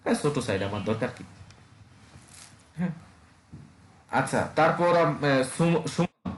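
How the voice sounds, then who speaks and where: A man's voice: a little high, expressive, measured pace, reverberant, slight background noise. A man, teaching an online web design class in a casual way, with many fillers and checks on his students.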